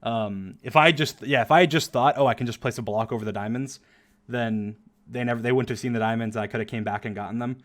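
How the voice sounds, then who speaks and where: A man's voice: medium pitch, fast talker. Chatty young man laughing through commentary. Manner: rambling, laughing, lots of "like" fillers. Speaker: streamer reviewing his own video. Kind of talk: casual commentary over gameplay.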